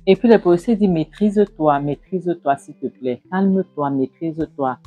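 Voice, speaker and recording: A woman retelling a film plot scene by scene, acting out the characters' shouted lines as she goes. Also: low-pitched, normal speed, dry recording, phone-quality sound, faint music behind. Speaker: film recap narrator.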